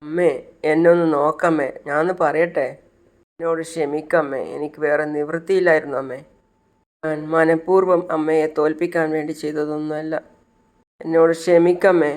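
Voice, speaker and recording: A man's voice: fairly high pitch, level tone, normal speed, lightly acted. A man voicing a young son from a TV serial, apologising and pleading with his mother.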